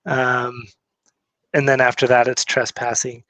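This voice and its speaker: Male host, chatty live stream talk, reads comments, mid pitch, dry close sound. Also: level tone, a little slow, fairly bright tone, dry recording, low-quality recording. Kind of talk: casual live stream chat.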